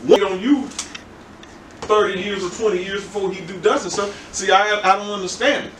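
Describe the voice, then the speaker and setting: A man's voice: high-pitched, fairly even intonation, moderate pace, fairly bright tone, far from the mic, slight background noise. An older man preaching a sermon as pastor, in a rambling, conversational way with many repeated words. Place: church. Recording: echoey room, from the mic.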